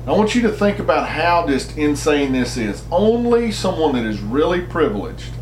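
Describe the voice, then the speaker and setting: A man's voice: fairly high pitch, sing-song, normal speed, a little hiss or hum. American male commentator, pushy opinion rant, slightly raised voice, echoey room. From United States. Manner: emphatic, argumentative, repeats words while restarting. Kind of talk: opinion monologue.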